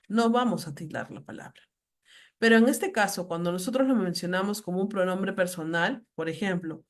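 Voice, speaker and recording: Woman lecturer, grammar lesson, deliberate and emphatic on examples. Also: mid-range voice. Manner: slow, stressed reading of example words.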